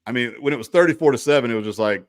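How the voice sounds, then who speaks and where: A man's voice: medium pitch, very fast, slight background noise. A man co-hosting a casual college football talk show, rambling with frequent restarts and asides. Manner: rambling, restarts, lots of "you know". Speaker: co-host.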